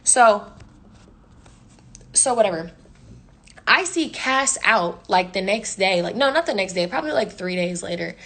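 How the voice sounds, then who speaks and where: A young woman tells a story in loose, slangy talk, swearing constantly. She acts out the people she quotes as she goes. Her voice sits at an ordinary pitch for a woman. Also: unhurried, pauses often. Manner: profane, slangy, animated retelling with quoted voices. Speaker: YouTuber telling a story. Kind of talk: casual storytime rant.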